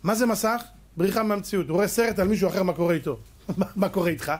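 A man, a rabbi, giving a lively religious lecture, firing rhetorical questions at his listeners and acting out little scenes with sound effects and mock voices. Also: high voice. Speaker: rabbi giving a Torah class.

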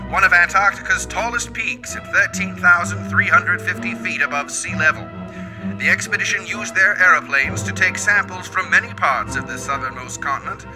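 High-voiced man narrating an old newsreel. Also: poor audio. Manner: formal, declamatory announcer delivery. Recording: narration over clear music.

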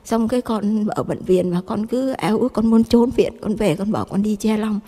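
A woman's voice: medium pitch, normal speed, warm tone, big-room sound. A woman gives a rambling spoken faith testimony to a priest, repeating herself and addressing him humbly as a mother.

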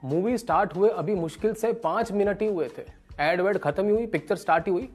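A man in his thirties performs stand-up storytelling straight to the camera in a small indoor room. He tells it with animated energy, slipping into other people's voices. Faint music sits quietly underneath. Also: high-pitched, fairly quick. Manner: animated, acts out characters with raised voice. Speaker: stand-up comedian.

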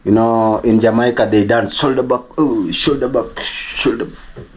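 A man's voice: mid-range voice, steady tone, normal speed, slightly rough. A man with a Kenyan accent chatting casually in a vlog, repeating himself and thanking supporters. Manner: chatty, repeats words, thanks donors warmly. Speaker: vlogger.

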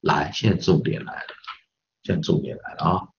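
A man's voice: sits low, a little fast, creaky, muffled recording, a little hiss or hum. A man teaching English pronunciation in a recorded online lesson with a Taiwanese Mandarin accent, patiently repeating sounds over and over to demonstrate them.

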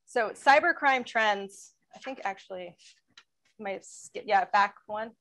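A woman speaking as a panelist in a webinar presentation, explaining in a steady way and asking for slide changes. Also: medium pitch, unhurried, poor audio. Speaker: federal law enforcement panelist.

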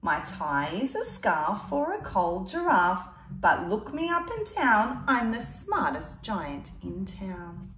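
A woman reading aloud as a proud male giant in a storybook, in a lively sing-song way. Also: medium pitch, slow pace, a little hiss or hum. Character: proud scruffy male giant turned smart dresser. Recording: roomy echo.

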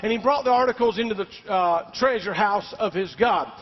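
A pastor preaches to his congregation in a strikingly high voice, pressing his points and drawing out amens. His voice carries a long reverb off the church walls. The recording sounds dull and muffled. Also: normal speed. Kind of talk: sermon. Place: church sanctuary.

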